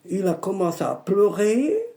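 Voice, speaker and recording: Man, high voice with gravel, storytelling exorcist; stammering restarts and Arabic religious phrases. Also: very animated, measured pace, warm tone. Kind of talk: personal storytelling.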